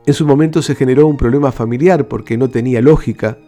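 A man hosting a radio program, calmly telling stories and reading out letters from listeners. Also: mid-range voice, fast, soft background music. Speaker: radio host.

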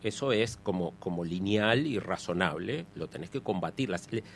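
A man's voice: deep voice, expressive, normal speed, vocal fry, a little hiss or hum. A man with a Uruguayan accent, answering interview questions at length with many restarts and fillers. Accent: Uruguayan Spanish. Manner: hesitant restarts, explanatory.

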